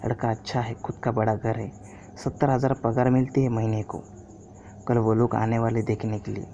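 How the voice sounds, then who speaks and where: A man's voice: mid-range voice, flat delivery, normal speed, warm tone, lightly acted. A man reading the part of a stern, domineering middle-aged father who speaks in curt commands. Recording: dull lo-fi recording, faint hiss.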